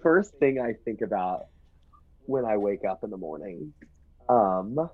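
A man's voice: fairly low pitch, expressive, a little slow, no echo, narrow, tinny audio. A man talking as a podcast guest in casual, upbeat, reflective conversation.

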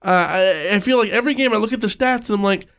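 A man hosting a sports podcast in casual, halting chat, his voice congested and stuffy from being sick. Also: high-pitched, fairly bright tone.

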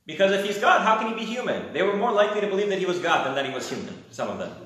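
A man's voice: high voice, very animated, rapid-fire, a bit bright. A man from America teaching a class, asking the students questions and adding wry asides. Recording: very echoey room.

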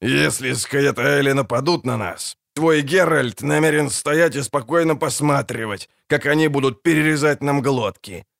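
A man's voice: medium pitch, moderate pace, few pauses, a bit bright, dry recording, studio quality. Grumpy swearing dwarf, voiced by a man. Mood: grumbling. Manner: gruff, barking, swearing. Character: grumpy foul-mouthed old dwarf wagon driver. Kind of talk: audiobook character voice.

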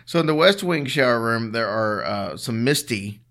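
A man's voice: medium pitch, animated, moderate pace, a bit bright. A man co-hosting a show, telling stories in a casual, chatty way with a dry, teasing manner. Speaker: podcast co-host telling ghost stories. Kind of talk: casual storytelling chat.

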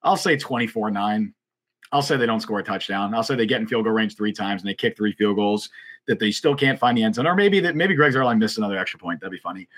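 A man co-hosting a casual sports podcast, talking quickly and animatedly and reading chat comments aloud. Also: fairly low pitch, expressive, a bit bright. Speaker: podcast co-host.

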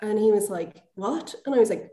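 A woman's voice: medium pitch, fast, mellow, roomy sound. A woman telling a refereeing story in a chatty way, acting out the dialogue with lots of fillers. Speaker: guest, former American football referee. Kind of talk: casual anecdotal interview.

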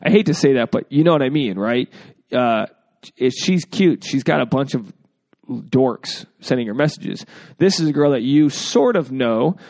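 A man hosts an advice podcast from indoors at home, rambling casually and tossing in jokey asides. His medium-pitched voice is animated and a little mellow, with vocal fry, at a normal speed.

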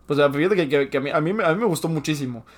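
A man's voice: on the high side, rapid-fire. A young man, co-hosting a casual chat and often stumbling and repeating words. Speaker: podcast co-host.

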